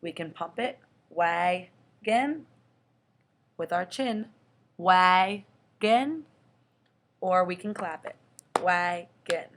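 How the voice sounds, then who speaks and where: A young woman teaching a children's lesson, slow and patient, stretching out the example words. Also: fairly low pitch. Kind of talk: children's lesson explaining syllables.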